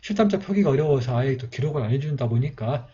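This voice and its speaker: A man's voice: mid-range voice, lively intonation, fast, dark tone, husky. A man teaching a writing lesson, patiently explaining each stroke step by step with frequent fillers. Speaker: teacher of Siddham script. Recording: dull lo-fi recording.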